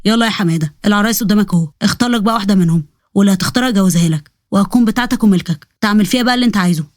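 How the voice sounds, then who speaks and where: A hurried male doctor gives orders in a brisk, pushy way, played by a woman narrator. He has an Egyptian Arabic accent and talks very fast. The sound is close and dry. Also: medium pitch, no room sound, lightly acted.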